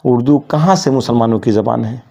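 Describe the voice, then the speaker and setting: A man's voice: medium pitch, a little fast, vocal fry, warm tone. A middle-aged man from Bihar, a journalist, giving earnest, emphatic interview answers full of Urdu vocabulary. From Bihar, India. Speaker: interview guest, journalist and committee secretary.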